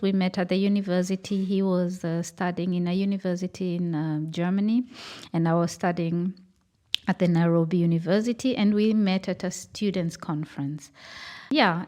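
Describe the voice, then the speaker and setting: A woman's voice: medium pitch, darkish tone. A woman from Kenya, a lecturer in her thirties, talking thoughtfully in an interview, with frequent fillers and restarts. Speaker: guest, cultural studies lecturer. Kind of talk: conversational interview.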